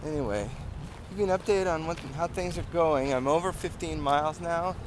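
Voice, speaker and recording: On a long run along rural roads, an American vlogger with a higher-side voice talks casually to viewers. He's tired, so his speech comes with pauses and breaths, set against clear outdoor ambient noise.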